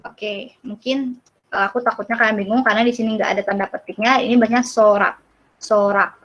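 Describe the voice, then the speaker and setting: A young woman with an Indonesian accent teaching a casual online Russian class over a video call, with fillers and apologies, repeating words slowly for learners. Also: a little high, fairly even intonation, a bit bright, dull audio. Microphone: computer mic on a video call.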